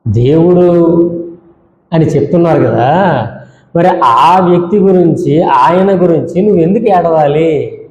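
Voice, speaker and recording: A male preacher with a fairly high, mellow voice delivers a sermon, scolding his listeners with rhetorical questions and repeated lists. The sound is dull and lo-fi, ringing with the long reverb of a church hall. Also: slight background noise. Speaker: pastor.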